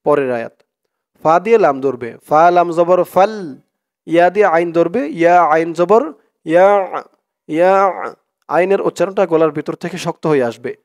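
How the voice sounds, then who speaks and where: A man teaching Quran reading, who spells out each word letter by letter and then chants the verses slowly. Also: on the high side. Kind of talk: spelling lesson with recited verses.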